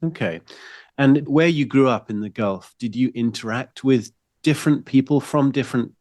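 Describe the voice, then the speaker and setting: A man's voice: medium pitch, normal speed, a little mellow, no echo, studio quality. A man hosting a faith podcast, introducing his guest and asking friendly, encouraging questions. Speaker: podcast host. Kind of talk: podcast interview.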